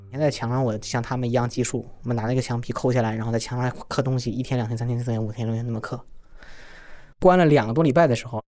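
A young man in his twenties from China, telling his own story in a plain, unpolished way through a voice changer. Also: mid-range voice. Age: 20s. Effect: voice changer disguise. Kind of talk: first-person podcast storytelling.

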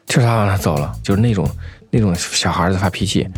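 A man telling first-person stories in an unscripted interview, conversational and halting, often repeating phrases. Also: sits low, soft background music. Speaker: anti-poaching patroller, interview guest.

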